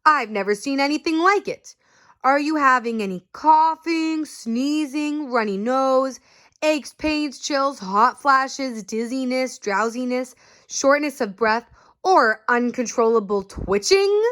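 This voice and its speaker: A woman voicing a fussy male doctor in a storybook, speaking in a measured way and rattling off symptoms. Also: high voice, animated, a bit bright, heavily acted. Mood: puzzled.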